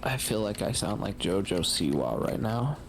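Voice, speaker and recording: A man in his thirties who has just woken from a nap, sounding drowsy and groggy. His voice sits fairly low. He makes crude jokes in relaxed, casual chat. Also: normal speed. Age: 30s.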